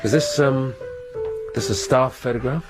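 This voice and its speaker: An actor playing a dry, probing police inspector in a radio drama. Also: male voice, mid-range voice, over music, lightly acted. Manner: dry, probing, unhurried questioning. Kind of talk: BBC radio drama acting.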